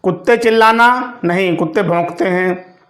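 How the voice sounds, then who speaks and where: Man teacher with a high voice, slow deliberate grammar lesson delivery. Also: fairly bright tone. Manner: slow, deliberate, word-by-word dictation of correct and incorrect forms. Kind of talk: Hindi grammar lesson for exam preparation.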